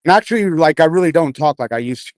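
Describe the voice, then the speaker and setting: A man's voice: on the high side, expressive, quick pace, no echo, studio quality. A man reporting live on the street as an independent journalist, rambling informally, his speech slurred by missing front teeth. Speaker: independent journalist, livestream host. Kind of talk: live street commentary and casual interviewing. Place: outdoors on a city street at night.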